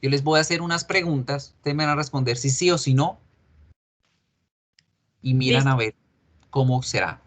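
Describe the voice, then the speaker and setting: A man teaching an English class, patiently explaining and repeating example answers slowly. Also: mid-range voice. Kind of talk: online class lecture.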